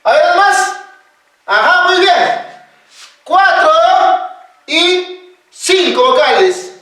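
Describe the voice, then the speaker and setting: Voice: very high-pitched, sing-song, very slow, bright, forceful tone, very echoey, far from the mic. A teacher giving a patient alphabet lesson, reading the letters one by one and checking that students are following. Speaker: Quechua teacher. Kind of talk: classroom-style alphabet lesson.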